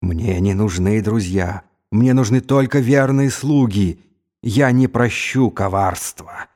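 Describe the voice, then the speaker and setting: A man's voice: mid-range voice, darkish tone, close to an everyday voice. A man voicing a drunken, raging young Mongol khan who is suspicious and given to wailing outbursts.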